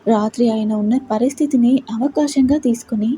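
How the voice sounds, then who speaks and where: A woman voicing a gentle, thoughtful young wife who speaks respectfully and reasons things out aloud. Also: fairly high pitch, a little fast, a little hiss or hum, natural voice. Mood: earnest.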